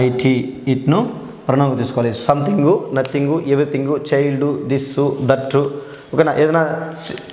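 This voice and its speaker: A man with a slightly high, darkish voice gives a grammar lesson, saying each key term slowly and often stopping to ask the class questions. The room is echoey, with a long hall-like tail.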